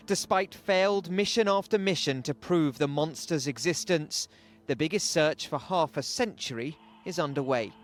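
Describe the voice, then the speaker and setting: A man narrating a scripted news report. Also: fairly high pitch.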